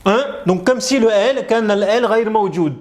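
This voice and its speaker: High-voiced man teaching reading, playful. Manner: slow, drawn-out model pronunciations; playful, teasing asides. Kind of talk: bilingual reading lesson.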